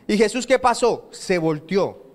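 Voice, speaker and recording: A man's voice: high voice, expressive, unhurried. A man preaching a sermon in a church, asking the congregation questions and answering them himself. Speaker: pastor.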